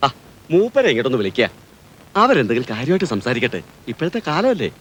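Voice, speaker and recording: An actor playing a matter-of-fact village matchmaker in film drama dialogue. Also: male voice, mid-range voice, wildly swooping pitch, fast talker, a bit bright, slight background noise, poor audio. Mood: brisk, informative.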